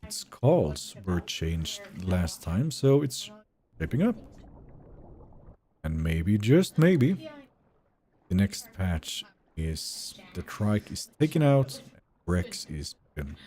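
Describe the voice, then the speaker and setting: A young man with a low, mellow voice, relaxed and chatty as he streams a game live. His pitch rises and falls a lot while he answers his chat. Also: slow pace. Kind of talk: live gameplay commentary.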